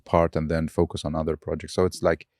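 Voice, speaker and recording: A man's voice: rumbling low, little pitch movement, quick pace, a little mellow, dry recording, studio quality. A man hosting a podcast interview, searching for words as he talks and laughing often. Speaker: podcast host. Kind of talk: casual interview chat.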